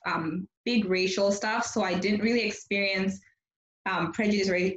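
Woman pastor from zambia, lowish voice, slow reflective storytelling, echoey muffled call audio. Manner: reflective, unhurried, personal storytelling. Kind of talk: conversational interview. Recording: echoey, dull lo-fi remote recording.

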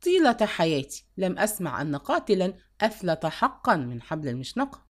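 Woman doing a pushy sweet-talking suitor guy, lower voice, storybook reading. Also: sing-song, fairly quick. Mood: insistent. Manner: coaxing, insistent. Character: persistent middle-aged male suitor, smooth-talking.

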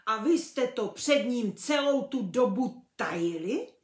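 A woman reading a children's book aloud, voicing a huge, blunt male gamekeeper in loud, folksy speech. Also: a little high, lively intonation, roomy sound, pitched above the performer's own voice. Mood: furious.

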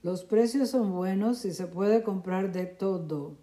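A woman voicing a calm, cheerful middle-aged mother who speaks soothingly, in a storybook reading. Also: mid-range voice, takes it slowly, natural voice. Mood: reassuring. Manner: soothing, reassuring.

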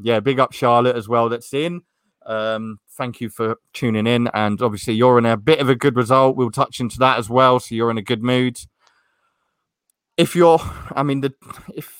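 A man hosts a casual football podcast. His pitch is middling and the sound is dry and close. He talks in a loose, rambling way, doubling back on his words as he goes. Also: a bit bright, dry recording. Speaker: podcast host. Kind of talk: casual sports chat.

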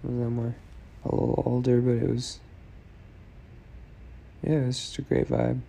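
A young man rambling slowly through a casual video diary in a stoned drawl. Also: mid-range voice, completely flat delivery, creaky, mellow, a little hiss or hum. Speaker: vlogger.

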